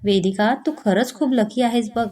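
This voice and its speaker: A woman voicing a gentle, fair-minded middle-aged father in a spoken storybook. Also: on the high side, normal speed, close to an everyday voice. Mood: reassuring. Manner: calm, reassuring.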